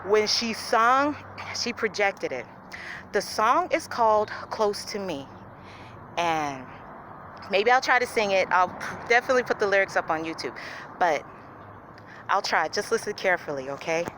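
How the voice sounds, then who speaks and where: A woman's voice: medium pitch, animated, moderate pace, long pauses, rough recording. Woman, casual vlog talk, morning voice, earnest, traffic noise behind. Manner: earnest, confiding, drifts soft and quiet. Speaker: vlogger.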